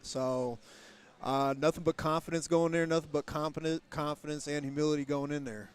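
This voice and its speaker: A man with a slightly high, clear voice talks as a fighter before his bout. His delivery is very flat and casual, with an understated confidence. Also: fairly quick. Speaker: MMA fighter being interviewed. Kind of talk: casual pre-fight interview.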